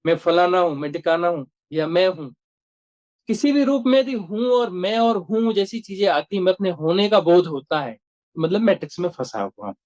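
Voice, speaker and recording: A man's voice: high voice, expressive, moderate pace, darkish tone. A man, giving a reflective spiritual discourse as a teacher and repeating phrases for emphasis.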